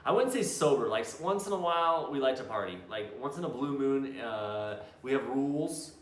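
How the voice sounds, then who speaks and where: Here a man with a medium-pitched, expressive voice speaks at normal speed as a co-host in casual conversation. He's a blunt, profane storyteller who keeps restarting, recorded with roomy echo and faint background noise.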